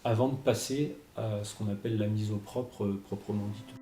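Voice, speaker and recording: A man, a comic book artist, answering interview questions in a hesitant way, repeating words and pausing with fillers. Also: fairly low pitch, steady tone, loud music behind the voice. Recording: roomy echo, faint noise.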